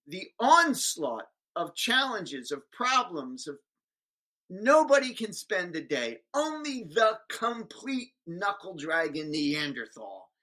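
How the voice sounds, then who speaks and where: A speaker in their seventies, a guest on an interview, telling stories in an emphatic speechmaker's rhythm with sudden loud rises and slow, stressed words. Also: mid-range voice, poor audio. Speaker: guest speaker on public schools. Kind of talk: animated interview storytelling.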